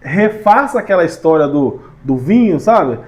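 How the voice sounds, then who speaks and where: A woman with a Brazilian Portuguese accent hosts a podcast and prompts her guest with quick, casual interjections. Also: deep voice, very animated, a little mellow. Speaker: podcast host.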